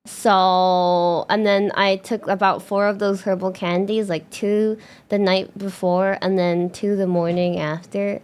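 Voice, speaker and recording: Speaking in a clear, resonant, medium-pitched voice at an unhurried pace, a young woman streamer rambles casually to her viewers. She uses fillers and restarts, with occasional bursts of bubbly excitement.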